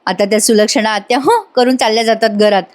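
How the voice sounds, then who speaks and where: A woman's voice: on the high side, fast. Chatty woman narrating a recap. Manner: chatty, addresses viewers. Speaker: serial reviewer. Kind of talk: voice-over episode recap.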